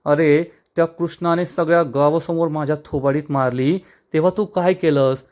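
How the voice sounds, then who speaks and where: A man's voice: fairly high pitch, fairly even intonation, normal speed, darkish tone, close to an everyday voice. Man doing a spiteful scheming young woman. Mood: angry. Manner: scolding, indignant.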